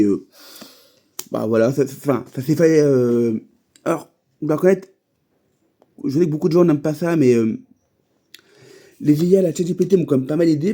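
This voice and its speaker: A man's voice: fairly high pitch, warm tone. A man chatting casually while opening trading card packs, rambling from thought to thought with many fillers and restarts.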